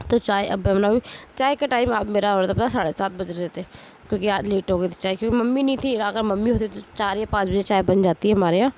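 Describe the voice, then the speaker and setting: A woman in her thirties with a hoarse, strained voice from a cold, chatting casually as she narrates her household day. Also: medium pitch, a little mellow, slight background noise. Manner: chatty, rambling, straining her throat to speak. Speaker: vlogger, homemaker. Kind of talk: casual voice-over narrating daily routine.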